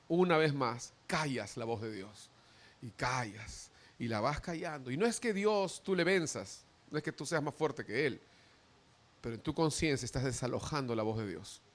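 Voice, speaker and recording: A male pastor preaching a sermon, animated, acting out quoted voices as he goes. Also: medium pitch, normal speed.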